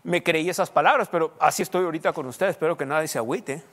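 A pastor preaches in a loose, conversational way, then pushes up into emphatic questions. His voice sits high for a man. The sound carries the long reverb of a large church hall. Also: quick pace, a bit bright. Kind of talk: sermon.

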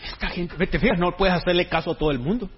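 Husky-voiced preacher, joking and lively. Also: male voice, high voice, quick pace, muffled recording. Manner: joking, conversational preaching with Mexican slang. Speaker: pastor. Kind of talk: sermon.

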